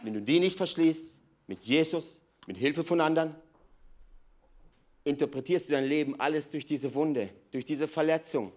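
This is a man, a pastor, giving a lively sermon inside a spacious church hall. He alternates emphatic loud bursts with hushed low asides, keeping a moderate pace.

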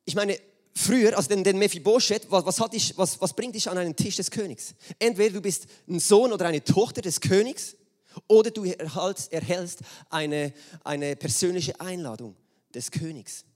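A man delivers a sermon to his congregation. His voice sits a little high, and he reads the scripture with lively expression, shifting his tone for the quoted speakers. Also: normal speed. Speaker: preacher. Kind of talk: sermon with Bible reading. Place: church hall with screen.

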